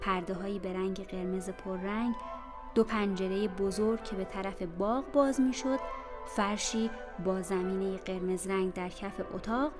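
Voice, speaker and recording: A woman narrating an audiobook in a measured, literary reading style. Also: medium pitch. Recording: reverberant room with faint music.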